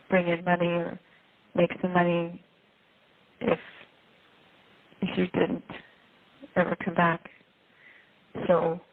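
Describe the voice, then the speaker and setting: A woman speaking from prison over a phone call, in a halting, careful way. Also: fairly low pitch, creaky. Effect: heard over a prison phone call. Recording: tinny prison phone line.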